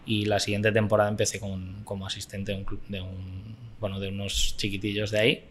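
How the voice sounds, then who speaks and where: Young Spanish man, bright forceful voice. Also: fairly low pitch, completely flat delivery, fairly quick. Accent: Spanish from Spain. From Barcelona, Spain. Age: 20s. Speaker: podcast guest, football coach. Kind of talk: casual interview chat.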